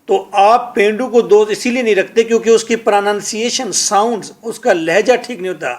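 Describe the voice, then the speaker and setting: A man with a noticeably high voice gives a spoken English lesson. He drills single words slowly and repeats them for his students. He shifts back and forth between his own language and English phrases. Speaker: English lecturer.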